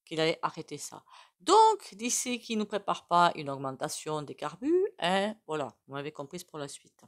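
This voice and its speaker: A woman's voice: deep voice, big pitch swings, fairly quick. A woman doing a casual tarot reading, chatty and full of asides to her viewers. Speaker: tarot reader.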